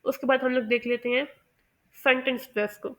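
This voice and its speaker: A woman with a fairly high voice gives a lesson on pronunciation. She explains step by step in a measured way and often stops to say "uh". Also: steady tone. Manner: measured and explanatory, with many "uh" pauses. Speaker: English pronunciation teacher.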